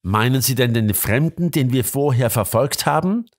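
A man's voice: medium pitch, expressive, normal speed. A man voicing a loyal, earnest young doctor sidekick in an audiobook. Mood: puzzled.

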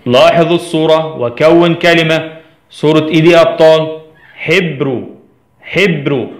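Egyptian guy teaching little kids their letters, singsongy drawn out sounds, bit high voice, echoey room. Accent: Egyptian Arabic. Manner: sing-song, drawn-out syllables, quizzes pupils. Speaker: primary school teacher. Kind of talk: children's phonics lesson.

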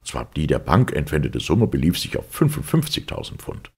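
A man reading a novel aloud as an audiobook in an expressive, dramatic manner. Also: extremely low pitch, moderate pace, husky. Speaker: audiobook reader. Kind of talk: scripted audiobook narration.

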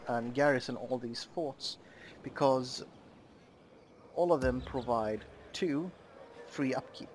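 A man hosting a let's play, giving casual, halting commentary on a strategy game with many pauses. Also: medium pitch, slight background noise. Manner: halting, many ums and uhs.

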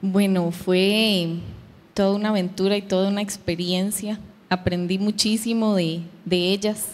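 With a long hall reverb around her, a woman speaks unhurriedly in a mid-range, steady voice. She is giving a heartfelt testimony at a church youth meeting, telling her story with emotion and acting out what her daughters said.

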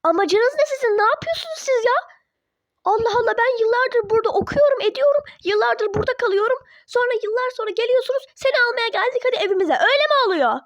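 A woman's voice: extremely high pitch, animated, racing, few pauses, a bit bright, no room sound, highs cut off, voice pushed up, full character voice. A woman voicing a defiant teenage girl who argues with her parents in a toy-app role-play drama. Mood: indignant. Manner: indignant, argumentative.

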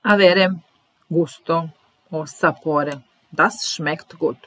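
A woman teaching a German vocabulary lesson to Italian speakers, saying each word slowly and repeating it with translations and example sentences. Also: low voice, fairly even intonation, fairly bright tone, dry recording.

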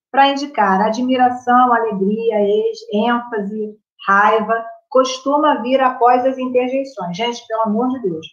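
A woman with a Brazilian Portuguese accent leads a live lesson, chatting and checking in with her students. Her voice sits a little high. The sound is roomy and a bit dull. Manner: chatty, checks in with the class by constantly asking "right?". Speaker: teacher. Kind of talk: live online grammar class. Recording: roomy, slightly muffled room sound.

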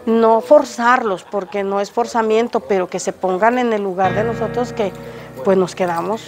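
Music plays in the background as an older resident, speaking with a Mexican Spanish accent, fields a reporter's questions on the street by her house gate. Medium in pitch and steady in tone, she nonetheless halts and restarts frequently.

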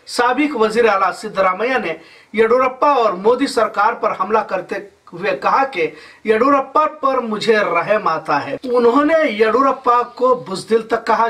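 A high, bright-voiced man in his thirties reads the news as anchor, with formal Urdu-flavored wording. He sits back from the microphone in a studio, so the sound is a little distant. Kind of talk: read news report.

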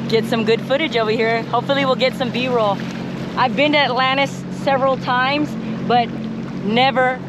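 A woman's voice: high-pitched, very noisy. A woman hosting a travel vlog outdoors, chatting upbeat to her viewers and calling them y'all, recorded on an action camera or phone. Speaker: travel vlogger and host. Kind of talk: casual vlog narration to viewers. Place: outdoors at a marina and riding a jet ski on open water. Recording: background music under the voice. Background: music.

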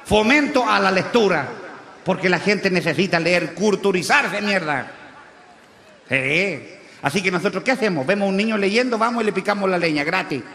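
Brief: a loud, crude country huaso from Chile, high-pitched and bright, on a reverberant live stage. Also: male voice, lively intonation, moderate pace, slight background noise. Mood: boastful. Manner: brash, crude slang, shouty punchlines. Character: crude rowdy rural Chilean huaso man running for mayor. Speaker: comedian in character. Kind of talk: stand-up character monologue.

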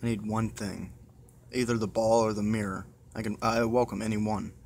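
Flat and darkish in tone, a lowish-voiced gamer plays a horror game at a normal pace, muttering exasperated commentary laced with swearing. The audio comes from a noisy amateur phone screen recording.

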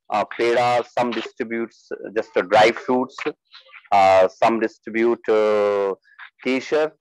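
Guy teaching a study group, halting w lots of uhs, dry sound. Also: mid-range voice, dry recording, low-quality recording. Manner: halting, many fillers, asks the group questions. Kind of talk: religious study class talk.

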